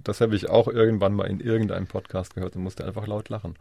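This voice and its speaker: A man's voice: lowish voice, little pitch movement, fast, creaky, warm tone, no room sound. A man co-hosting a podcast, chatting casually and explaining things about the web. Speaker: podcast co-host. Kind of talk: casual chat.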